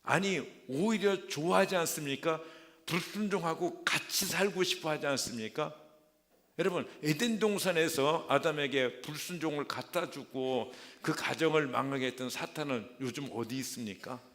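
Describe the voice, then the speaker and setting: A man's bright, ringing voice delivers a dramatic sermon, rising and falling as he acts out the voices he quotes. He keeps asking the congregation questions. The sound carries a long church reverb. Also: normal speed. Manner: dramatic, acts out quoted voices with big swings in pitch and loudness; asks the congregation rhetorical questions. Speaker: pastor. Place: large church sanctuary.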